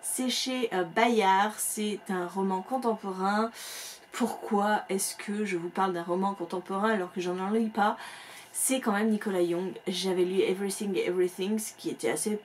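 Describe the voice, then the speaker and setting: A woman's voice: medium pitch, fairly even intonation, moderate pace. Woman book vlogger, casual chatty delivery, lots of fillers, home setup with faint hiss. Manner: chatty, warm enthusiasm with many fillers. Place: home room with bookshelves.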